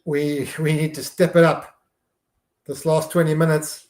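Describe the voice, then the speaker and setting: Man, casual live match commentary, chatty, reacts to every play, slightly high voice, roomy echo. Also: little pitch movement, a little slow, a little mellow. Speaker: live stream host.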